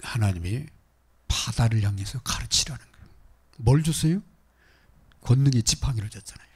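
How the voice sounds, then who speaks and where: A man preaching a sermon as pastor, moving between loud exhortation and hushed asides. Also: medium pitch, animated, moderate pace, husky.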